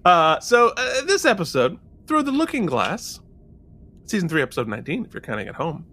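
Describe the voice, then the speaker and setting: A man's voice: high-pitched, fairly quick. A man co-hosting a casual podcast review, reading listener comments and joking around with frequent laughter. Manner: animated and jokey, laughing often. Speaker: podcast co-host. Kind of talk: casual chat.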